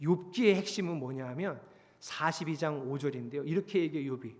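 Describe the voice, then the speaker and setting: A man preaching a sermon as pastor, animated and acting out dialogue in shifting voices. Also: a little high, brisk, long reverb tail. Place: church sanctuary.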